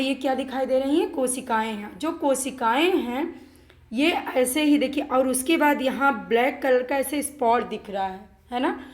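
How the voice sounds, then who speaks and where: A woman teaching a school lesson, often asking the class questions and repeating her points. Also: high voice. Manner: slow, repeats questions to students.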